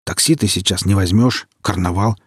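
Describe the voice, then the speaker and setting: A man voicing a smooth, persuasive helper, easygoing and talkative. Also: deep voice, moderate pace, dry recording, clean studio sound. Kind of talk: audiobook character reading.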